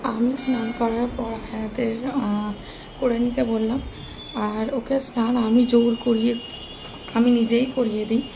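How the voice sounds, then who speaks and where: A woman's voice: fairly high pitch, level tone, normal speed, vocal fry, slight background noise. A young woman with a Bengali accent, a mother of two, chatting casually to her viewers in a home vlog. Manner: chatty, speaks softly at times so the baby stays asleep.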